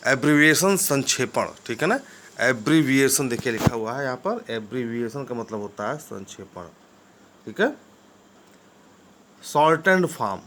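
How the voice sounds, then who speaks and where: A man's voice: mid-range voice, a bit bright, a little hiss or hum. Man teaching English vocabulary. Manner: spells words letter by letter, often asks "ठीक है ना?". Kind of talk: vocabulary lesson.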